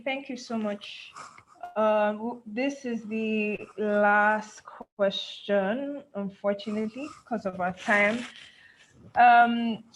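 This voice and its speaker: A woman's voice: on the high side, slight background noise, low-quality recording. A woman hosting a webinar, politely thanking the guest and reading out audience questions. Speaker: webinar host.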